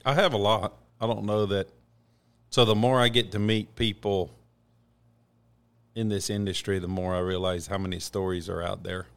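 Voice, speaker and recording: A man from northern Missouri, a shed hauler and podcast guest, telling stories in a relaxed, self-deprecating way from a hotel room. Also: fairly low pitch, moderate pace, clear, resonant tone. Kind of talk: casual storytelling.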